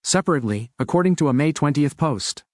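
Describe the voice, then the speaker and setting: A man giving a steady, measured scripted narration of a news report. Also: on the high side, dry recording, clean studio sound.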